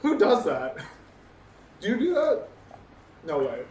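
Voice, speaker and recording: A young man with a fairly high voice answers questions between bites of food, humming "mm" as he thinks. He sounds a little distant from the mic, in an echoey room with faint background noise. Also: huge pitch swings, takes it slowly, darkish tone. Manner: eats while talking, hums "mm" between thoughts. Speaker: vlog host answering questions. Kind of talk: casual chat while eating. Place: indoors at a meal.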